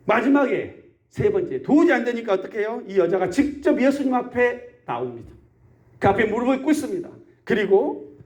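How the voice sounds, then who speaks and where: A man's voice: high-pitched, a little mellow. A man preaching a sermon as pastor of a rural church, often asking the congregation questions. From South Korea.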